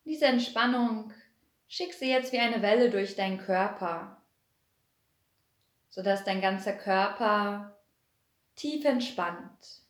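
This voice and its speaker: A woman leads a guided meditation in a slow, unhurried voice, her pitch sitting in a middle range. Her delivery is soothing and repetitive, drawing each phrase out gently. The recording has a noticeably echoey, roomy sound. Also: steady tone.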